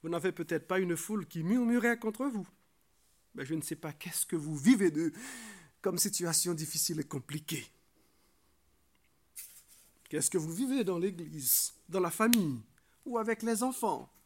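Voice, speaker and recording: A man's voice: lively intonation, normal speed, pauses often, a little mellow. Earnest French-speaking preacher man. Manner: earnest preaching, rises in pitch and volume for emphasis; frequent filler "hein". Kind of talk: sermon.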